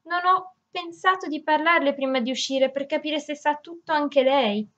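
A woman's voice: high voice, normal speed, a bit bright, voice pushed up. A woman doing a giddy little girl singing. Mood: cross. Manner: sing-song, giggly rhyming. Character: cheerful young girl, bubbly. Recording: dull lo-fi audiobook recording.

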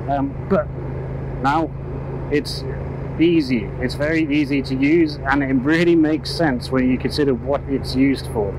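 Man chatting from a motorcycle helmet. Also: medium pitch. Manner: casual, chatty, self-correcting. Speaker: motorcycle reviewer. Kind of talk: ride-along review talk. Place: on a motorcycle on country roads, outdoors. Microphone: helmet headset mic. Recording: road noise from a moving motorcycle. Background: road and vehicle noise.

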